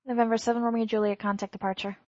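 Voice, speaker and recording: A woman giving clearances as an air traffic controller in clipped aviation phraseology. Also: on the high side, flat delivery, racing, dark tone, dry recording, muffled recording.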